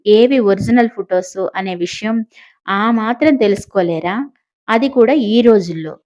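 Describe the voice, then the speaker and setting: A woman voicing a calm young married woman who needles her rival with sarcasm, in an audiobook. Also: mid-range voice, natural voice.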